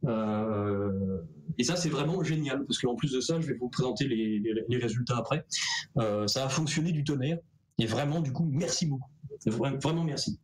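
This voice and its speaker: A man's voice: medium pitch, moderate pace, a little mellow. A man presenting his thesis research in a casual, chatty way, with many fillers and restarts and self-mocking asides. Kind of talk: casual explanatory talk.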